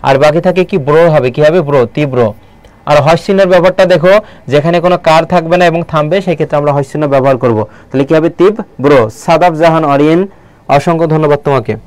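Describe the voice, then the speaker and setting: Fast, crisp-voiced male tutor quizzing viewers. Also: a little high, steady tone, a little mellow, no echo. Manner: quizzing viewers with repeated questions; slows down to read poem lines aloud. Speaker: online admission-prep Bangla teacher. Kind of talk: live online lecture.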